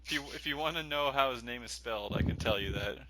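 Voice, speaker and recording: A man's voice: medium pitch, quick pace, heavy background noise. A man hosting a tabletop role-playing podcast as game master, improvising narration and bantering.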